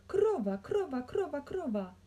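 A woman voicing a gloomy businessman who bursts out shouting animal names and scores in a high, strained voice. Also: very animated, a little slow. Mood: frantic shouting.

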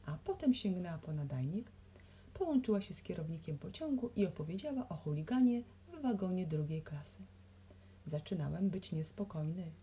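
A woman reading a humorous story aloud in lively, expressive scripted narration. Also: lowish voice, slight background noise. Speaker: audiobook reader.

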